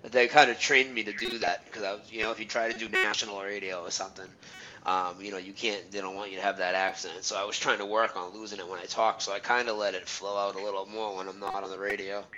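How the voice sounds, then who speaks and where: A man with a Boston accent hosting a casual radio chat, blunt and quick to swear and laugh. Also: lowish voice, little pitch movement, bright, forceful tone, dull audio, slight background noise. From Massachusetts. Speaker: radio host.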